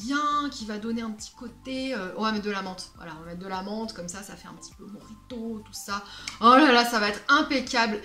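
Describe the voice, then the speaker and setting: A woman's voice: fairly high pitch, pushed and bright. A woman chatting casually as a perfume vlogger, playful and self-mocking, with many fillers. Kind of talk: casual vlog chat. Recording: echoey room with faint music.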